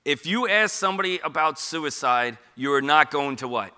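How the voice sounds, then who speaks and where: A middle-aged man from Queens, New York, with a matching accent, gives an informal public talk on suicide prevention. His fairly high, clean voice is bright and forceful, moving at a normal speed with lively intonation. He sounds conversational and emphatic, often asking rhetorical questions.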